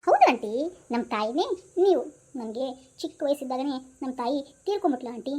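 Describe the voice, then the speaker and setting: A woman voicing an emotional young man who calls the older woman aunty, speaking softly and pleadingly. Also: sits high, animated, a little fast.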